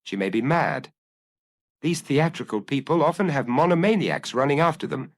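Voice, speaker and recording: A man voicing a shrewd priest detective who speaks quietly and reflectively. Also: a little high, animated, normal speed, pitched above the performer's own voice.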